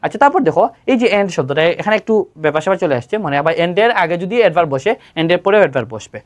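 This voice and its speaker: A quick-talking teacher, working through exam grammar. The voice rises and falls a lot, firing off a question and then answering it at once. It sounds like a close, dry recording. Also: mid-range voice, expressive. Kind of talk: exam-prep lesson explaining grammar rules.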